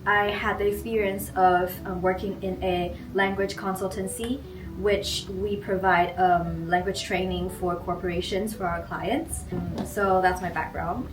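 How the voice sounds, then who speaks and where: A woman's voice: lowish voice, little pitch movement, a little slow, over music. A woman in her twenties with a Taiwanese accent, explaining her background easily with some fillers. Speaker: interviewee, graduate student. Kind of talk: casual interview. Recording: echoey room, distant mic, noisy.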